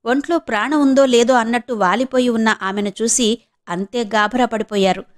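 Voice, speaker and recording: Woman, audiobook narrator, novel reading, fairly high pitch, steady dramatic telling. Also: moderate pace. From Andhra Pradesh, India.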